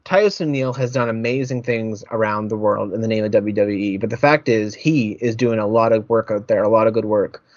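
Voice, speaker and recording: A man's voice: on the low side, a little fast, few pauses, dry recording, highs cut off. A man hosting a casual wrestling podcast, rambling, repeating his words and getting heated. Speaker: podcast host.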